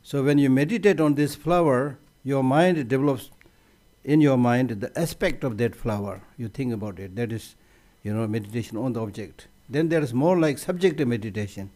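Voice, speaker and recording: A man teaching on meditation at a conference, conversational, often repeating words as he restarts a phrase, with gentle humor. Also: medium pitch, normal speed. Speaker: Buddhist teacher.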